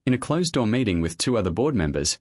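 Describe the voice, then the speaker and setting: A man narrates a scripted story with a lowish voice. His delivery is measured and even. The sound is close and dry, with no room echo.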